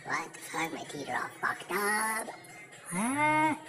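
A high, pitched-up voice-changer voice, a man speaking through it, gravelly and drawn out, with very slow, lurching speech and wild swings in pitch. Loud music plays right behind him. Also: wildly swooping pitch, heavily acted. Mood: shocked. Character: himself through a squeaky voice-changer filter. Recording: music playing loudly behind.

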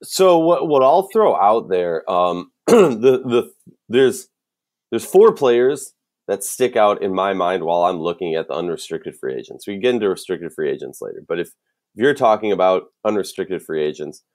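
A man with a Minnesotan accent talks over a casual sports podcast. His voice sits on the low side. He thinks out loud, circling back through restarts and fillers before he lands his point. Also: very animated, normal speed. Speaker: podcast co-host.

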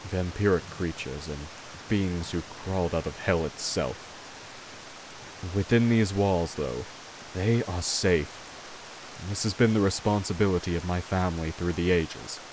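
Over some background noise, a man whose voice sits low portrays a courtly vampire king guarding the listener in an ASMR roleplay. He speaks without hurry, formally and reassuringly, with a gentle, wry touch.

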